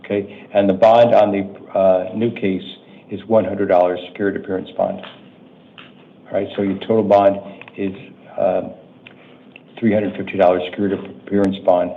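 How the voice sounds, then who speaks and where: Flat, low-voiced male judge, muffled audio. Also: gravelly. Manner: matter-of-fact, halting, businesslike. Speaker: judge presiding over initial appearance hearings. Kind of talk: procedural court announcements read to defendants. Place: courtroom. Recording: muffled, noisy courtroom livestream audio.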